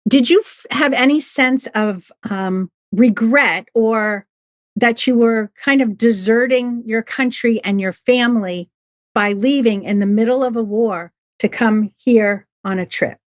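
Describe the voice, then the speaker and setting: Measured woman interviewer, slightly high. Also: no echo. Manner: measured, thoughtful questions. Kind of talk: conversational podcast interview.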